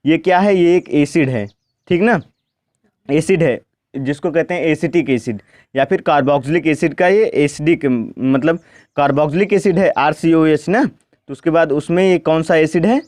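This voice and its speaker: Slow, question-asking male chemistry teacher. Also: on the high side, darkish tone, no echo, studio quality. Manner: asks questions and answers them himself, repeats "ठीक ना"; speaks slowly and deliberately. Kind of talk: board lesson, step by step.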